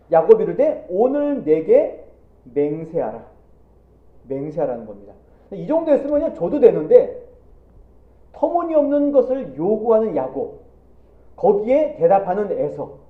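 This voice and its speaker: Man, pastor, high lively voice, sermon, echoey church, phone-like audio. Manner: animated preaching, acting out Bible figures in quotes. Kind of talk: Sunday sermon. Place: church sanctuary.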